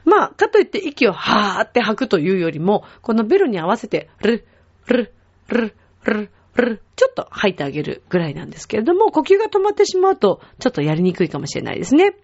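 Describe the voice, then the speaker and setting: A woman gives a patient singing lesson, demonstrating each sound before her listeners try it. Her pitch moves around a lot as she explains, climbing high and dipping low. The recording sounds slightly dull and lo-fi. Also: wildly swooping pitch, fast talker, few pauses, darkish tone. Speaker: singing teacher. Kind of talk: vocal lesson. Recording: dull lo-fi web show audio.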